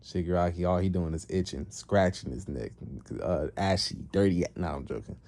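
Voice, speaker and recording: A man's voice: low-pitched, moderate pace, a little mellow. A man casually retelling a comic story in slangy, conversational talk.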